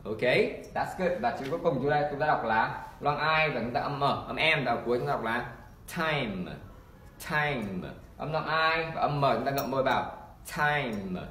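A man teaching an online pronunciation lesson, repeating example words slowly and encouraging learners. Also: medium pitch, sharp tone, a little hiss or hum. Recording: echoey room.

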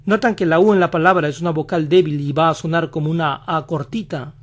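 A man teaching pronunciation in a slow instructional style, repeating each example word several times. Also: fairly high pitch, fairly even intonation. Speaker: language teacher.

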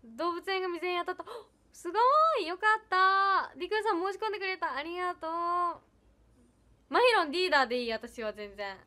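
A woman's voice: very high voice, lively intonation, brisk, bright, forceful tone. A young woman, chatting casually on a livestream, giggly and chatty as she reads comments and thanks viewers. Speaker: idol livestreamer.

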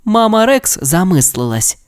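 A man narrating a children's audio fairy tale with expressive, animated storytelling. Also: high voice, unhurried, smooth.

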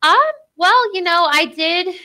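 Bright, giggly young woman. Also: very high-pitched, measured pace. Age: young adult. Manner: giggly, chatty, uses fillers. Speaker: guest. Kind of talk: casual radio interview. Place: radio studio. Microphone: studio microphone.

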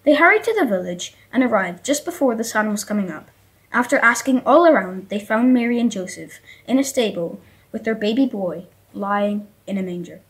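A woman reads a nativity story in a steady, plain manner. Her voice is a little high, and the recording is clean and simple. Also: normal speed, low-quality recording. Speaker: story reader. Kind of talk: reading a nativity story aloud.

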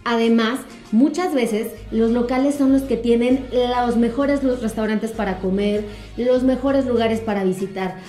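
An upbeat young woman counts off travel tips from her couch at home. Her voice sits fairly high yet mellow. The room rings a little, with soft music underneath. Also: a little slow, echoey room. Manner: upbeat, announces numbered tips. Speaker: travel vlogger. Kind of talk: casual advice to camera. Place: living room, indoors.

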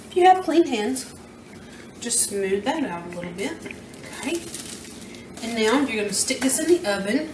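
Recorded from a distance by a camera mic across a roomy home kitchen, a woman in her thirties from the American South chats her way through a recipe. This cooking vlogger's slightly high voice carries a self-deprecating humor about her slips as she works, with pots, pans and utensils clinking amid background noise.

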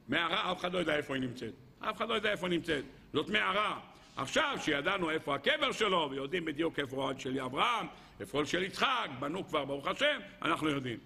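A middle-aged man, a rabbi giving a lively Torah lesson who questions his listeners and swings between loud exclaiming and low asides. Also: creaky, husky.

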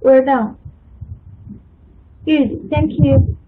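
Woman pronunciation teacher on a call, slow and patient, sounds like a phone line. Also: high voice. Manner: patient, corrective, calls on students by name. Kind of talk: online pronunciation class. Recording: tinny online call audio.

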